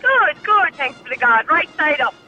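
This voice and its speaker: A woman's voice: high-pitched, sing-song, moderate pace, pushed and bright, highs cut off. An Irish woman calling in by phone from a parked car, her voice coming through a windy, tunnel-like line as she gives short, upbeat answers. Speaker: phone-in caller. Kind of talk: casual chat on air.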